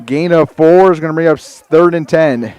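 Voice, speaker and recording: Casting: male local sports announcer, out of breath, crisp slightly high voice, live play-by-play. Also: moderate pace, darkish tone, dry recording, highs cut off. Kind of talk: live high school football commentary.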